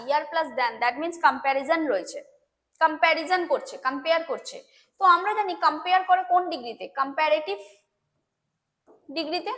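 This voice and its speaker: High-voiced Bengali woman teaching grammar. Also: a bit bright. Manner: patient, repetitive, calls students "babu", checks understanding. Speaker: English teacher. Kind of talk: exam-prep grammar lesson.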